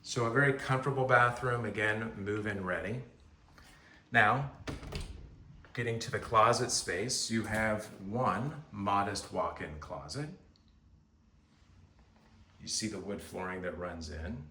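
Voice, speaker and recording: Indoors, a man walks through a house as a real estate agent, praising each feature in polished, appreciative sales talk. His voice is low, pushed and bright. Echo from the rooms and a faint background hum come through in the recording.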